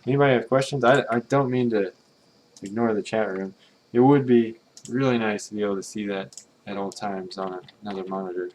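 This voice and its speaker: A native English speaker streams himself translating a game, his low voice steady, a little mellow and fairly quick. He thinks aloud in a musing, tentative way, trying and revising readings and quietly voicing Japanese ones, with slight background noise present.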